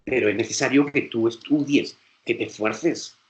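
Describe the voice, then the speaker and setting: A man's voice: medium pitch, moderate pace, echoey room, lo-fi sound. A male pastor with a Spain Spanish accent, preaching emphatically and acting out quoted voices. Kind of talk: sermon lecture.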